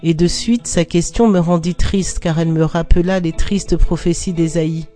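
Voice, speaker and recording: A narrator reading a religious story aloud in an even, unhurried storytelling manner. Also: mid-range voice, faint music behind.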